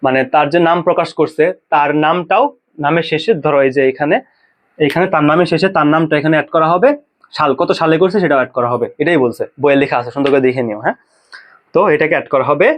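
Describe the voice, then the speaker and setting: A young man from Bangladesh, teaching a casual biology lesson and drilling pronunciations by repeating them slowly. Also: fairly high pitch. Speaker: biology tutor. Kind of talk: informal exam-prep lecture.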